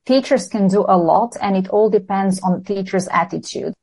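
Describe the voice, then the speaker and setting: A woman with a Serbian accent who is a language teacher. She speaks English as her second language and explains her ideas in an earnest, measured way. She sounds like a guest answering questions in a podcast interview. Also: medium pitch, darkish tone, poor audio.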